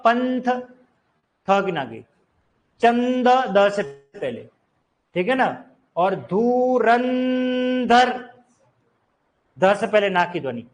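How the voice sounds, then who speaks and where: Slow, high-voiced male teacher. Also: expressive. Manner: explains step by step, quizzes students. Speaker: Hindi teacher. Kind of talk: classroom lecture.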